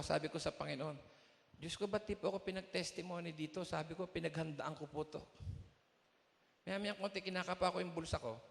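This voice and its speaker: A man's voice: a little high, creaky. A man giving an emotional testimony to a congregation in a large hall, telling the story in his own words and acting out both sides of the dialogue. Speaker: church testimony speaker. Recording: live hall recording with long reverb.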